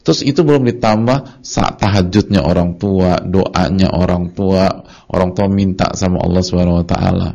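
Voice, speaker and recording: A man giving a casual, colloquial religious lecture, telling lively stories and acting out short dialogues. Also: low voice, normal speed, gravelly. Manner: colloquial and conversational. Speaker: Islamic preacher. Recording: dull lo-fi lecture recording.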